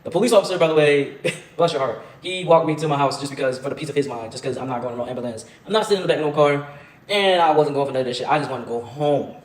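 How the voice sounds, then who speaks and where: Young man, very fast, profane storytelling, echoey room, music playing. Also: a little high. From Baltimore, USA. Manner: rapid, profane, laughing retelling. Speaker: storytime vlogger. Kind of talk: casual storytelling to camera.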